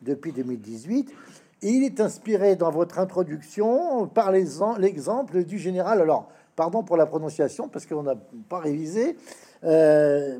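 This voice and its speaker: An interviewer introduces a guest's book, reading passages aloud in a measured, deferential way with frequent hesitations. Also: medium pitch, warm tone.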